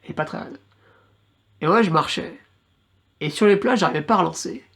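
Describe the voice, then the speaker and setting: Husky-voiced man, crude race storyteller. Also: sits high, a little fast. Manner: crude, slangy, lively storytelling. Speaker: trail runner recounting his race. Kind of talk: casual race recap.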